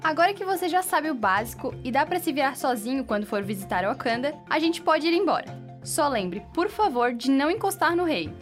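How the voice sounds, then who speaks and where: A young woman with a Brazilian accent co-hosting a student radio show, reading a scripted segment in a playful, expressive way. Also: high-pitched, a little fast, soft background music.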